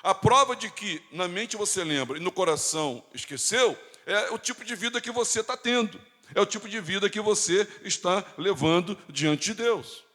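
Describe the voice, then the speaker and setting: A Brazilian man with a Rio de Janeiro accent preaching a sermon, swinging between loud and hushed emphasis. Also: high-pitched, expressive, moderate pace. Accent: Rio de Janeiro Portuguese. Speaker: pastor. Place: church. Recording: hall reverb.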